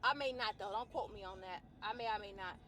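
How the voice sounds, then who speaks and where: A fitness trainer and vlogger, a woman ranting to camera in a colloquial, outspoken way, swinging between loud outbursts and low, quiet musing. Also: a little fast. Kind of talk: personal rant to camera.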